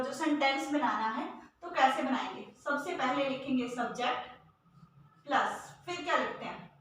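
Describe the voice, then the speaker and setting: High bright woman teaching in echoey room. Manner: explains step by step, repeats key terms, often checks with "ठीक है". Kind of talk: classroom grammar lesson. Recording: echoey room, mic far off, faint noise.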